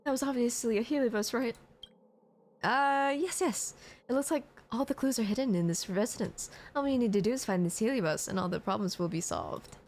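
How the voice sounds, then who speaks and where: A woman's voice: fairly high pitch, fairly quick, a little mellow. A woman streaming a game, reading its text aloud expressively and adding casual commentary. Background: music.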